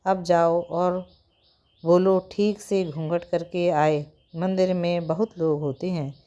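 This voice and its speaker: A woman's voice: fairly low pitch, steady tone, slow, dark tone. A woman voicing a strict, old-fashioned mother-in-law who gives commands and scolds, in a storybook tale. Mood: stern.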